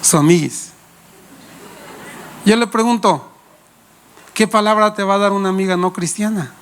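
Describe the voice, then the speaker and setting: A man's voice: high-pitched, fairly bright tone, clean tone. A male pastor, preaching a sermon with playful anecdotes and questions to the congregation. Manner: playful, laughs while telling anecdotes.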